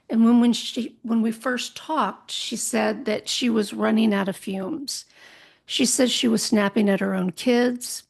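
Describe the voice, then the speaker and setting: Soft-spoken woman podcast host, gravelly. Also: a little high. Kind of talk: scripted podcast monologue.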